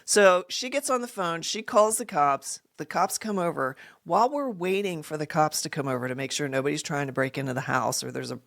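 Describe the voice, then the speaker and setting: A woman podcast host telling a funny personal story in an animated way, laughing often and acting out what people said. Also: rumbling low, gravelly.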